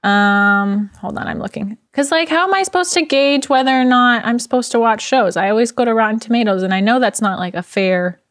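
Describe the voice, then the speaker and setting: A woman's voice: a little high, fairly quick, few pauses. A woman co-hosting a podcast in casual chat, easygoing and thinking aloud as she talks. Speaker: podcast co-host.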